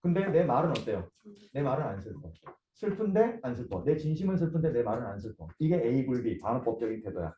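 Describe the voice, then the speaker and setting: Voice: medium pitch, very animated, fast, lo-fi sound, a little hiss or hum. A literature teacher giving a playful, dramatic classroom lecture and repeating key terms for emphasis. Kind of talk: classroom lecture with comic role-play. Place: academy classroom.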